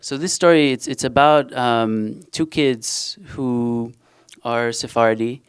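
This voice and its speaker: In a studio-quality, dry recording, a young adult male author from Israel, a native Hebrew speaker, joins a panel discussion and reading. His mid-range voice is slow and smooth, yet his speech is hesitant and full of fillers and restarts.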